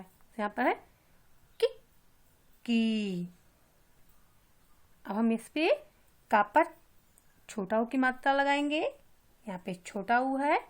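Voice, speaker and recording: A woman teaching young children, patiently repeating and drawing out each sound step by step. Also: sits high. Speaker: kindergarten teacher. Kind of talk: slow step-by-step Hindi lesson for young children.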